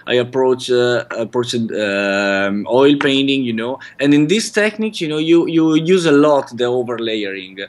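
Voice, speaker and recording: A man's voice: medium pitch, a bit bright. A man with an Italian accent, a tattoo artist interviewed over a video call, speaking hesitantly with many fillers. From Italy.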